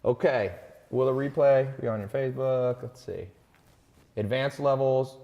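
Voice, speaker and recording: A man's voice: medium pitch, unhurried, dark tone, in a large hall, highs cut off. A man hosting a live online sales talk, chatting casually, boasting and reading out viewers' names. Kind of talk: casual live-stream pitch.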